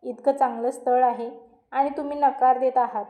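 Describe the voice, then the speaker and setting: A woman voicing an irritated middle-aged mother with a sharp tongue. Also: high-pitched, fairly even intonation, normal speed, natural voice. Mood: angry. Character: angry middle-aged mother taking her brother's side. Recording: roomy echo.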